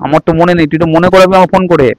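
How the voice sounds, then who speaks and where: A man's voice: sits high, steady tone, very fast, darkish tone, no echo, low-quality recording. A man, pleading and apologizing in a casual home vlog. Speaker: vlogger, husband.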